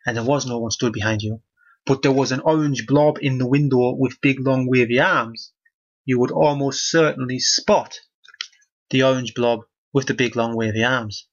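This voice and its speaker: A man with a husky voice reads a children's picture book aloud and keeps stopping for deadpan, mock-outraged commentary. His pitch sits in a middle register. The sound is dull and lo-fi. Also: moderate pace. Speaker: host reading a children's book. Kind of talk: comic book reading with running commentary.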